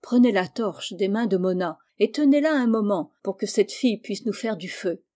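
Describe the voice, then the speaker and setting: A woman voicing a calm, tender young prince in a read-aloud tale, speaking gently and with composure. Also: medium pitch, moderate pace, natural voice.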